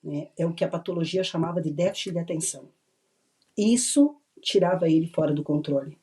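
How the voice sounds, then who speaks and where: A woman's voice: fairly low pitch, a little fast. A middle-aged woman from Brazil, a podcast guest, telling a personal story in a casual interview and acting out what people said. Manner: animated, acts out remembered dialogue, laughs often.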